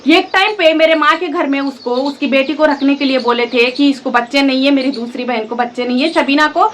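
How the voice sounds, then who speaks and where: A woman's voice: high-pitched, a little fast, slight background noise. A woman vlogger in her thirties from India, angrily and defiantly scolding her family straight to camera. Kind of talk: angry direct-to-camera vlog rant.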